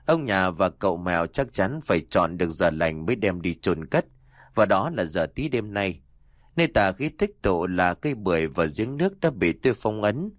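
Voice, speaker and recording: A man's voice: lowish voice, no echo, clean studio sound. A man voicing a stern old male exorcist who gives solemn, commanding instructions.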